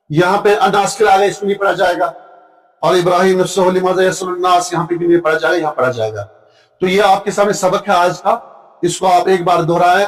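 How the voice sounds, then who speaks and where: A man with an Indian accent teaching an Arabic grammar lesson, reading out examples and counting them off patiently. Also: high voice. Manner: explains slowly, counts and reads examples aloud. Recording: echoey room, voice from far off.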